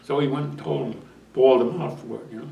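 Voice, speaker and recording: A man's voice: mid-range voice, fast, vocal fry, dark tone, reverberant, distant mic, rough recording. An older man, a veteran, telling his memories in a rambling oral history interview, often restarting and chuckling. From United States.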